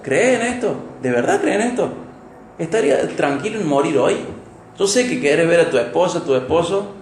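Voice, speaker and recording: A man with an Argentine Spanish accent preaches an expository sermon from the pulpit. His voice sits a little high, and he swings from loud, emphatic peaks to soft, quiet passages. The sound is roomy, with the echo of a church hall and a faint hiss. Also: lively intonation, brisk. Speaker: pastor.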